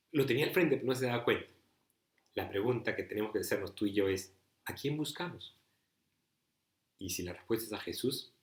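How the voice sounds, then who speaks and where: Male preacher, sermon delivery, rhetorical questions, mid pitch, roomy echo. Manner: rhetorical questions, pleading and emphatic.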